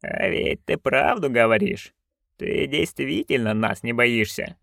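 A man voicing a stern, commanding old witch in an audiobook, speaking low, curt and dry. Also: animated, measured pace, creaky, a bit bright, no room sound, exaggerated voice. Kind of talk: audiobook reading.

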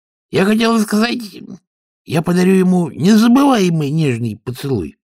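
A man voicing another man disguised as a fierce woman, who snaps out shrill threats. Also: animated, moderate pace, creaky, husky, no room sound, studio quality, exaggerated voice.

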